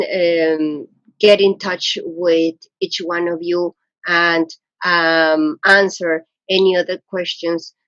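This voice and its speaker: A woman from Ecuador, a languages coach giving a webinar to teachers, speaking slowly and often restarting her sentences. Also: on the low side, fairly bright tone, dry recording. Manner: slow, hesitant, repeats and restarts phrases. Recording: dull, lo-fi webinar audio.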